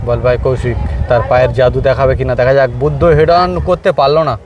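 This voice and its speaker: A man's voice: medium pitch, fairly even intonation, quick pace, highs cut off. A man giving live running commentary on a local football match outdoors, in short play-by-play phrases with stock praise. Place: outdoors at a school playing field during a match. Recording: noisy outdoor ground, crowd and vehicle sounds. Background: spectators, loud outdoor ambience.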